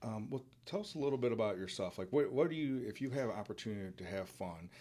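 A man's voice: on the low side, animated, quick pace, warm tone. A man interviewing a guest in a casual talk, hesitant and full of restarts. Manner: hesitant, many fillers and restarts.

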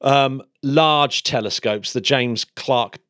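A man's voice: mid-range voice, slow pace, fairly bright tone, no echo. Guy co-hosting a science podcast, hesitant, restarts a lot, dry close mic. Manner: hesitant, lots of restarts and hedging. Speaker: podcast co-host. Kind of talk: casual science chat.

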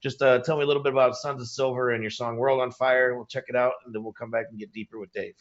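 A man's voice: mid-range voice, level tone, fast talker. Casual male music-show host, easygoing jokey patter, dull lo-fi stream sound. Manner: laid-back, joking, loose with fillers. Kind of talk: casual live-stream chat. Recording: slightly dull lo-fi stream audio.

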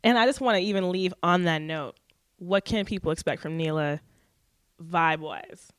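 A woman hosting a casual interview, supportive and quick with short affirmations. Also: on the low side, no room sound, clean studio sound. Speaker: interview host.

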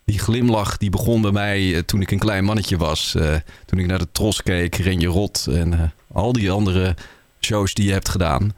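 Low-voiced male radio host. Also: steady tone, normal speed, no room sound. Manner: warm, admiring, slightly formal. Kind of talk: radio interview.

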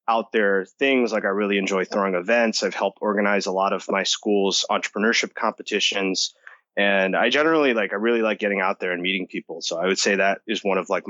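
A man's voice: on the low side, a bit bright, no room sound, muffled recording. A young man from the United States, an enthusiastic podcast guest talking casually with lots of fillers. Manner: enthusiastic, talkative, many "like" fillers. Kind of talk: casual interview talk.

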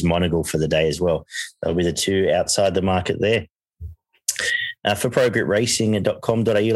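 A man's voice: low voice, no room sound. An Australian man hosting a horse racing preview in a casual, conversational way, thinking aloud as he gives his tips. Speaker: horse racing podcast host and tipster.

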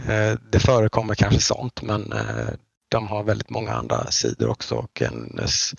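A man's voice: on the low side, sing-song, gravelly, slightly rough, no room sound. A man from the Nordic countries chatting casually as a podcast host, rambling with many halts and restarts. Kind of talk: casual chat. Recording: dull lo-fi dry recording.

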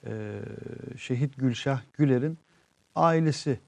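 A man co-hosting a casual live show, reading viewer comments and explaining at length in an earnest way, often trailing off with drawn-out fillers. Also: medium pitch, vocal fry, a little mellow, no echo. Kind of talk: casual live-stream chat.

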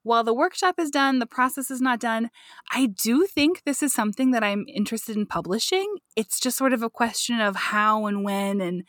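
A woman's voice: fairly high pitch, moderate pace, a bit bright, no room sound, clean studio sound. A woman chatting casually as a gushing, giggly podcast co-host, recorded inside a closet. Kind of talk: casual chat. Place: inside a sizable home clothes closet.

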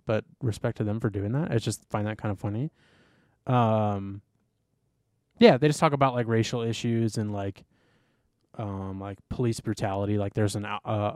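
A young man co-hosts a podcast in casual chat, rambling with lots of fillers and swearing. His voice is lowish, recorded dry in studio quality. He's rambling and animated, packed with filler words and curses.

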